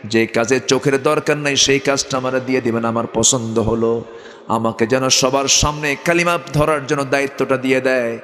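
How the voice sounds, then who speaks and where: A man preaching a sermon, telling a story with impassioned, tearful cries that climb high. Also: fairly even intonation, moderate pace, a bit bright. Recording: long hall reverb with faint music.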